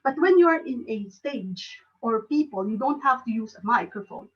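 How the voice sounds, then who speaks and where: Halting Filipino woman presenting online. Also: fairly high pitch, lively intonation, far from the mic, muffled recording. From Philippines. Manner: halting, with frequent restarts. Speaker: club speaker. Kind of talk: educational talk.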